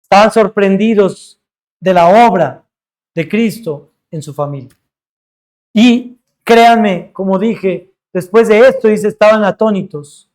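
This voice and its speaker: High-voiced pastor preaching earnestly. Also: male voice, darkish tone. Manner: earnest, emphatic, slows on key words. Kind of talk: sermon.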